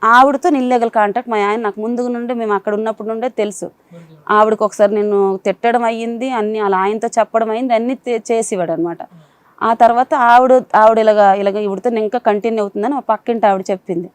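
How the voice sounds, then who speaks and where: A woman's voice: a little high, fairly even intonation, quick pace, smooth, no echo. A woman telling a panel of counsellors about her marriage, in a rambling, polite way. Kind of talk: emotional account to counsellors.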